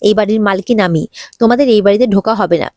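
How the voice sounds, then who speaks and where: A woman's voice: mid-range voice, quick pace, mellow, no room sound, studio quality, natural voice. A woman reading the lines of a stern old grandmother. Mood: scolding. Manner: scolding, commanding.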